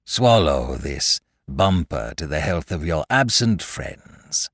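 Man acting a booming, imperious tyrant king. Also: sing-song, a bit bright, no echo, studio quality, full character voice. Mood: mocking joviality. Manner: booming, imperious, drawn-out commands. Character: fat tyrant king, jovial bully with a furious temper. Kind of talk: audiobook storytelling of a classic tale.

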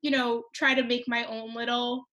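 A woman's voice: on the high side, level tone, moderate pace, a bit bright. A woman co-hosting a podcast, talking openly and casually with frequent fillers. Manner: open, chatty, many "like" fillers. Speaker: podcast co-host. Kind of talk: casual chat.

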